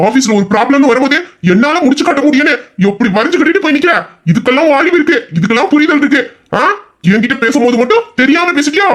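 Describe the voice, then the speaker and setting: A man's voice: very high voice, expressive, fast talker, a bit bright. A man playing a hot-tempered young husband in an audio drama, mocking and bitter in every reply. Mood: sarcastic, angry. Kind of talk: Tamil audio drama acting.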